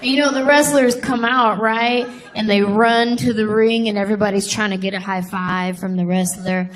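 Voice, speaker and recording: A young woman performing a stand-up comedy set, telling stories in an animated way and shouting out voices. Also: medium pitch, normal speed, poor audio. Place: comedy stage before a laughing audience. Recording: live stage audio with crowd noise.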